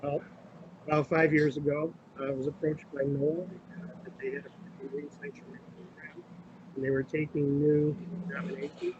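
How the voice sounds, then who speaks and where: A middle-aged man, a county administrator, giving a formal, halting presentation to a committee over a crackly remote phone line that fades in and out. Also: on the high side, level tone. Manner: halting, with many filler sounds. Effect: crackly remote phone line, fading in and out.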